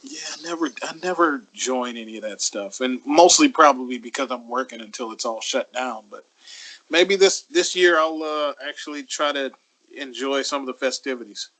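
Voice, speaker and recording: A man, co-hosting a casual chat in an easygoing, halting way. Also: mid-range voice, fairly bright tone. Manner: easygoing, halting, laughs often. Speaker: podcast co-host.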